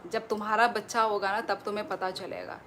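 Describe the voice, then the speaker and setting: A woman's voice: medium pitch, flat delivery, brisk, fairly bright tone. A woman hosting a casual phone livestream, reading out viewers' comments and answering them in a chatty way. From Tripura, India. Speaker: live streamer. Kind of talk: casual live-stream chat. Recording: phone livestream with clear background noise.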